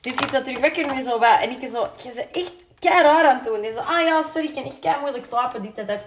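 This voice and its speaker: A woman's voice: high-pitched, fast talker. A young woman with a Flemish accent telling a story in a casual, chatty way, full of fillers and acted-out quotes with English swears thrown in.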